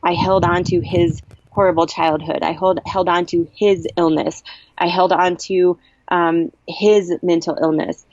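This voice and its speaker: Guest woman, earnest and emotional, lower voice, halting speech, dull dry lo-fi recording. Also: fairly even intonation, a little mellow, no room sound. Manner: earnest, halting, with frequent restarts; emotional, gets worked up. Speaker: podcast guest. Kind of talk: personal storytelling in a podcast interview.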